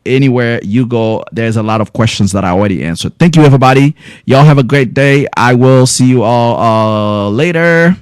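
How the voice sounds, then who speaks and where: A man's voice: mid-range voice, normal speed, clean tone, no echo, clean studio sound. A man with a French accent hosting a live health education show from a clinic, closing out with effusive, repeated thanks to his viewers. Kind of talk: live-stream sign-off.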